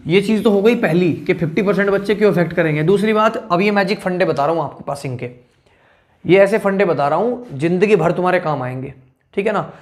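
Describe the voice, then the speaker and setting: A man's voice: sits high, quick pace. A male teacher giving exam advice to students in a blunt, scolding way, checking in with them again and again. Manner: blunt, scolding, keeps asking "ठीक है ना".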